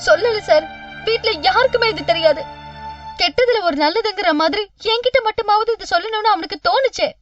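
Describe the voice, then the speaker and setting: A woman's voice: extremely high pitch, fairly quick, faint music behind. An actress playing a dutiful unmarried woman in her thirties who speaks earnestly and respectfully, in a television serial. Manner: pleading, respectful, repeatedly says "sir". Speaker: lead character in a TV serial. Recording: distant dull TV audio with background score.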